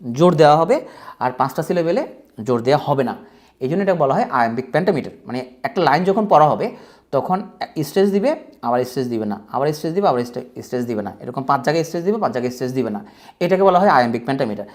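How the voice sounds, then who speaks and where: A man with a Bangladeshi Bengali accent teaches an exam-prep lesson in a loose, colloquial way, dropping self-mocking jokes as he goes. His pitch swings widely, rising and falling through each explanation, and he talks to his students directly. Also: darkish tone. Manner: chatty, joking, colloquial, addresses students directly. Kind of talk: casual exam-prep lecture.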